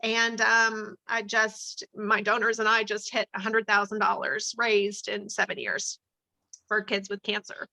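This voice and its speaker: A woman's voice: mid-range voice, little pitch movement, measured pace, vocal fry, bright, forceful tone, no room sound, poor audio. A middle-aged woman, a teacher and advocate, telling a personal story in conversation, earnest and emotional, with many fillers and restarts. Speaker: interview guest, teacher and charity advocate.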